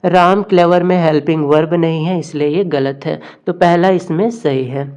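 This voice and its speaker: A woman teacher, going through exam questions, reading the slowly and explaining in Hindi. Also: low voice, fairly even intonation, darkish tone. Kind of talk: exam MCQ lesson.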